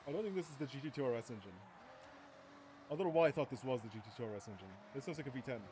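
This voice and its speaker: A man's voice: medium pitch, lively intonation, rapid-fire, a little mellow, slight background noise. Rambling young man streaming a racing game. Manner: rambling, swears, chats to viewers. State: starting to lose his voice. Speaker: gaming streamer. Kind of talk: casual live-stream commentary.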